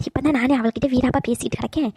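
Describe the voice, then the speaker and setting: A woman's voice: high-pitched, lively intonation, quick pace. A woman doing a bossy grandma. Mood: scolding. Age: older. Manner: scolding, bossy, coos at grandson. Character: bossy old grandmother, sharp-tongued and doting. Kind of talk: cartoon voice acting.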